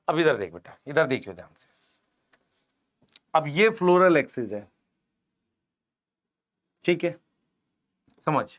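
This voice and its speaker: A man's voice: a little high, fairly bright tone. A man teaching a biology lesson for exam preparation, asking the class questions and answering them himself while drawing on a board. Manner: explains while drawing on a board, points with "idhar dekho". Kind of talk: online exam-prep lecture, Hindi mixed with English terms.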